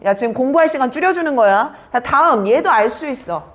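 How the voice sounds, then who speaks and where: A woman teaching an English vocabulary class, brisk and teasing, quizzing students by name. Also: high voice, expressive, slight background noise. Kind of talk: live online vocabulary class.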